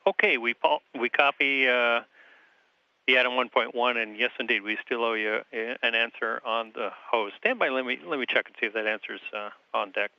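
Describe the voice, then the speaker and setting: A man at mission control answering the crew over a space-to-ground radio link in calm, procedural talk. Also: medium pitch, fairly quick, no room sound. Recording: dull, muffled radio transmission.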